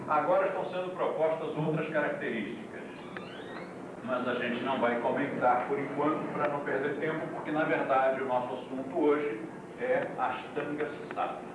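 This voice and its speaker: Captured on a noisy, echoey, distant old VHS recording, a man with a mid-range voice leads a yoga class like a classroom lecture. He proceeds deliberately, defining each term in turn and tossing asides to his students.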